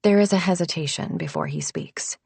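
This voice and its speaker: A woman narrating an audiobook in first person, reading at a measured, even pace. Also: on the low side, husky, no room sound.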